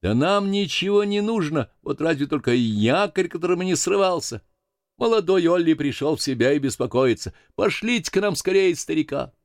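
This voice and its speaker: A man voicing a brash, mocking fisherman calling out from a nearby boat in an audiobook, shouting across the water. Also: fairly high pitch, animated, normal speed, no room sound, clean studio sound, voice pushed up. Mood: pleading. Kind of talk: audiobook character voice.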